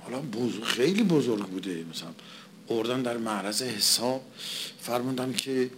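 Guy preaching a sermon in a chatty way, middle pitch, keeps repeating himself for emphasis. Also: expressive, a little hiss or hum. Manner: poses and answers his own rhetorical questions. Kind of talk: conversational sermon.

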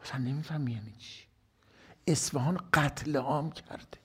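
A man's voice: mid-range voice, husky. A man giving a religious sermon, asking rhetorical questions and answering them himself, rising to emphatic bursts and dropping to whispered asides. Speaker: preacher.

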